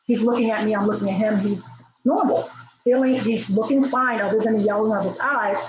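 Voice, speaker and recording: A woman sharing a personal testimony of her loss, retelling it in a measured, earnest way and repeating key phrases. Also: medium pitch. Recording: roomy, dull, noisy recording.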